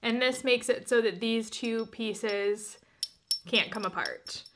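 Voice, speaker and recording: A woman's voice: on the high side, takes it slowly, a bit bright, slight background noise. A woman in her thirties talking casually to camera as a home decor vlogger, explaining things step by step in an informal, chatty way. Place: furnished living room at home, indoors.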